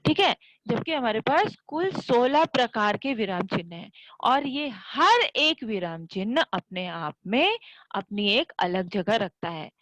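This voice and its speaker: Woman, teacher, school grammar lesson, patient step-by-step explaining, lively pitch, dry close sound. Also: a little slow, no room sound, low-quality recording.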